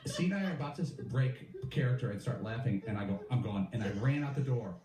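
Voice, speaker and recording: A man co-hosting a chat show, quickly piling up details of a prank story. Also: medium pitch, big pitch swings, recorded from a distance, a crowd in the background. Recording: roomy sound from off mic, faint ambience.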